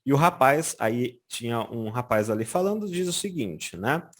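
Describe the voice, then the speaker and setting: A Brazilian man teaching German in a casual lesson, often checking in with "tá?" and saying German examples slowly and carefully. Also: medium pitch, a little hiss or hum. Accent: Brazilian Portuguese. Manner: lively, frequent "tá?" check-ins, slow careful German examples. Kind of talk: casual explanatory language lesson.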